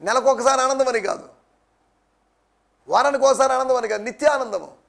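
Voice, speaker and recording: Man, pastor, sermon, high voice, gravelly edge, emphatic repeated phrases. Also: brisk, a bit bright. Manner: emphatic preaching, repeats phrases, slips into English. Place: church TV program.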